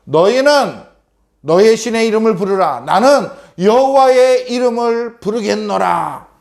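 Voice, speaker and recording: A man's voice: high voice, animated, measured pace, vocal fry, a little mellow, voice pushed up, exaggerated voice. A man playing a bold male prophet who taunts his rivals in a raised, emphatic voice during a children's sermon. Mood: proclaiming. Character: bold mocking male prophet, confident and scornful.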